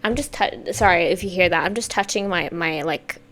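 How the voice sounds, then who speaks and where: A woman giving a casual, campy, sassy music video reaction, gushing and swinging between loud exclamations and hushed asides. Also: lowish voice, moderate pace, slight background noise. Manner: swings from sudden loud outbursts to near-whispered asides.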